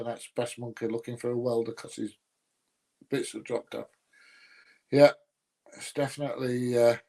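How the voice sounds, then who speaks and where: Medium-pitched and a touch mellow, with vocal fry, this man hosts a livestream. Hailing from Nottinghamshire, England, he has a near-Yorkshire accent. He takes live viewer comments in easygoing, blunt talk, grumbling drily as he goes.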